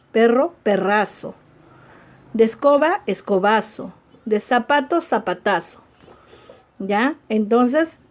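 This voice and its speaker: A woman teaching a spelling lesson, spelling out letters, repeating examples and checking in with her listeners. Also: a little high.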